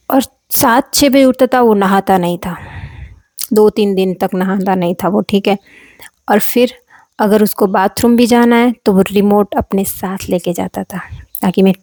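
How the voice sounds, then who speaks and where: Mellow-voiced young woman telling her story. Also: mid-range voice, dry recording, clean studio sound. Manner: confiding, repeats phrases, frequent "theek hai" check-ins. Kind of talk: casual personal storytelling.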